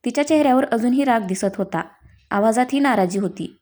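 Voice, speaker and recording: A woman's voice: on the high side, fairly quick, a little mellow. Woman reading a story aloud. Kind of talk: scripted story narration.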